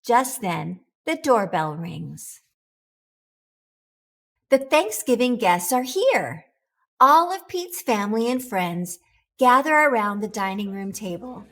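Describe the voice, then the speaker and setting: Speaking in a slightly high voice, a woman gives a picture book for young children an expressive, carefully paced storytelling reading.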